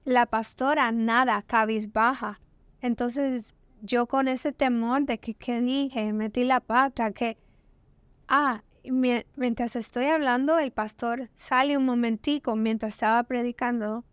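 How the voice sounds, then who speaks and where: Clear-voiced woman telling a vivid testimony. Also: a little high, fairly even intonation, measured pace, no echo. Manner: vivid, acts out quoted dialogue. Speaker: guest telling her testimony. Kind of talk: personal testimony storytelling. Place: podcast studio.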